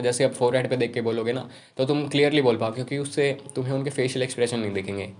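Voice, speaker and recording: A young man giving casual self-improvement advice to camera, talking rapidly and informally. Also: medium pitch, a little mellow. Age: young adult.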